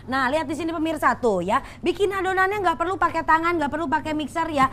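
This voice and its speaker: A woman's voice: very high voice, quick pace, fairly bright tone, a little hiss or hum. A woman presenting a live infomercial, urgently exclaiming and addressing viewers directly. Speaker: shopping show presenter. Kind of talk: infomercial sales pitch, live home-shopping.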